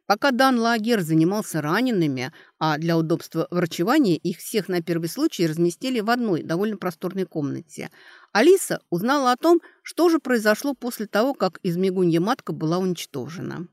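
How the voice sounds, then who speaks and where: A woman narrating an audiobook in an expressive, animated reading. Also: lowish voice, a little fast, dry recording, studio quality.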